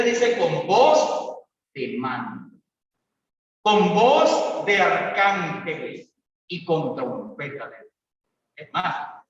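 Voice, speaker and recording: Pastor preaching in a big echoey church, high voice, mic kinda far off. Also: male voice. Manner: preaching with shifts between loud calls and quiet asides. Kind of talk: evangelistic sermon. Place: church hall. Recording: echoey church hall, distant mic, dull sound.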